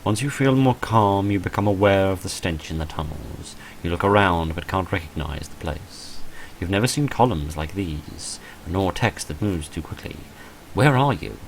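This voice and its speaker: A gamer recording a playthrough reads visual novel text aloud dramatically, slipping in dry, understated, wry commentary between lines. His voice sits low, and the rough recording has slight background noise.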